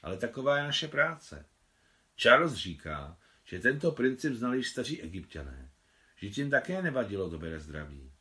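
A man's voice: mid-range voice, big pitch swings, pushed and bright, voice pushed up. A man voicing a shrewd, talkative woman, a marshal's wife, in an audiobook reading, chatty and lecturing. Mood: confident. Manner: chatty, self-assured, lecturing.

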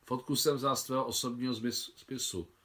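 A man reading the part of a fatherly older army officer who is a keen photographer, in a hearty, brisk manner. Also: mid-range voice, steady tone, a bit bright, close to an everyday voice. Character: older male officer, kindly veteran photographer.

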